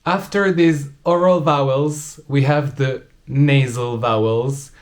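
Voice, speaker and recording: A man giving a slow textbook pronunciation lesson as a teacher, deliberately enunciating isolated sounds and example words. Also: medium pitch, fairly even intonation.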